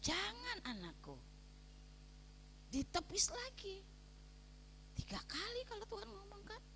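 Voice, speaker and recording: A woman pastor preaching a sermon, swinging between soft asides and loud, emphatic calls to her listeners. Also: extremely high pitch, expressive, normal speed, a little hiss or hum. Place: prison hall, preaching to inmates. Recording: long hall reverb.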